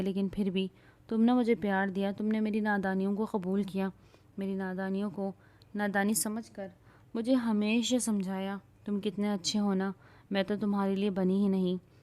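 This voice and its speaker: A woman's voice: mid-range voice, darkish tone, no echo, natural voice. A woman narrator voicing an emotional young wife who pleads in tears. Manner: tearful and pleading.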